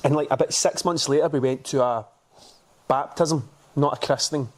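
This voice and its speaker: A man's voice: mid-range voice, fairly even intonation, moderate pace. A Scottish man co-hosting a podcast, telling sweary, rambling stories in casual chat with lots of restarts. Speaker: podcast co-host.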